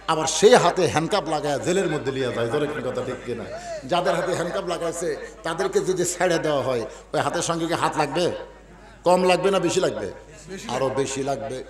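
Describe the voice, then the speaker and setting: A male preacher delivers a dramatic sermon story in a high, ringing voice. He quizzes the crowd and swings between loud and hushed. The sound echoes through a reverberant loudspeaker setup. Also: expressive, a little fast, recorded from a distance. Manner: asks the crowd questions, swings from loud to soft.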